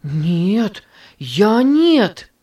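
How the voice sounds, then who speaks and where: A woman voicing an earnest, loyal boy who pleads softly and sincerely. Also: lowish voice, expressive, measured pace, distant mic.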